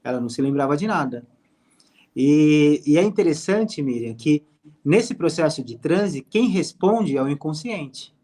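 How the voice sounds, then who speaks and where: A man, a hypnotherapist guest calmly explaining his work in an interview. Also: on the high side, measured pace. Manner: calm, explanatory storytelling. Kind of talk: interview conversation.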